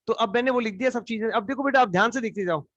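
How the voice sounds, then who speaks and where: A man's voice: very high voice, very fast, a crowd in the background. A man teaching a live geometry class, coaxing students with repeated questions. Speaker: math teacher. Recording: dull lo-fi online class audio.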